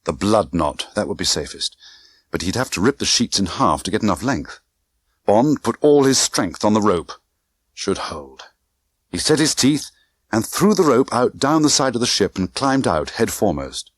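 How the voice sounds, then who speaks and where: A man's voice: fairly low pitch, very animated, moderate pace, dry recording, clean studio sound. A man reading a thriller audiobook in a tense, theatrical manner with clipped short phrases. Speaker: audiobook narrator. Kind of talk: dramatic scripted narration of a spy thriller novel.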